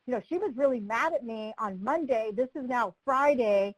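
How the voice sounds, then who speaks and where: A woman and former prosecutor telling a personal story in a training webinar, acting out the dialogue in a lively way. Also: a little high, moderate pace, no room sound, poor audio.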